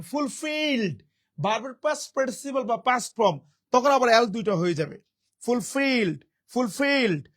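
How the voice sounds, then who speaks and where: Young male tutor, live class, drills words by chanting them on repeat, slow syllable-by-syllable spelling. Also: very high voice, a bit bright. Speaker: teacher.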